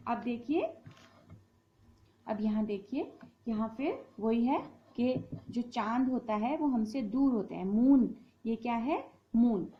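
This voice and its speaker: A woman's voice: on the high side, warm tone, muffled recording. A woman teacher giving a patient lesson to young children, spelling words out sound by sound.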